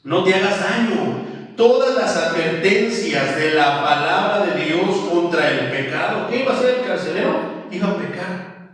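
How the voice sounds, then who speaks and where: High-voiced pastor preaching, echoey hall. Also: male voice, moderate pace. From Mexico. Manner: animated preaching, acts out voices and questions. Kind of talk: sermon. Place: church. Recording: echoey church hall, from far off.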